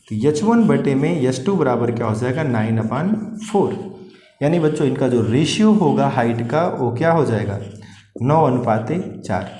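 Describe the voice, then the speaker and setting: A man teaching a maths lesson for exam students, asking questions and answering them himself as he goes through each step. His voice is dark and mellow and sits at an ordinary pitch for a man. The room around him is noticeably echoey. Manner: calls his students "children" warmly.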